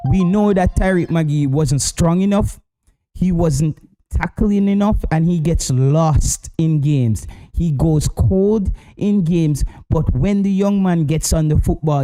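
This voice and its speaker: A man's voice: a little high, mellow, rough recording. A man with a Jamaican accent hosting casual livestream football commentary, opinionated and emphatic, repeating phrases to drive points home.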